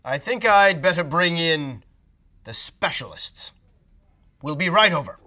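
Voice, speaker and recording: A man voicing a fussy, pompous doctor in a storybook reading, loud and brisk. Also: a little high, animated, pitched above the performer's own voice. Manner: rattling off lists loudly and briskly. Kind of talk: storybook read-aloud voice.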